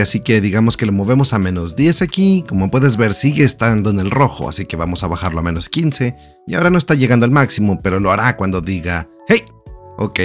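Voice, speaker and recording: A man giving a step-by-step voice-over for a tech tutorial, calm and explanatory as he walks through the settings one by one. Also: lowish voice.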